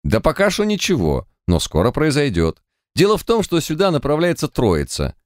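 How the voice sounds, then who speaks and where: A man's voice: a little high, wildly swooping pitch, moderate pace, dry recording, clean studio sound, voice pushed up. A man doing a laid-back joking squad leader. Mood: wry. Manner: offhand, teasing.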